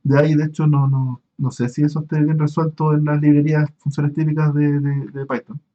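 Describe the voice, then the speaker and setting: Guy lecturing on a muffled online call, lots of eh and restarts, slightly high voice. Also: flat delivery, dark tone. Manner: halting, many restarts and fillers, asks students questions. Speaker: university lecturer.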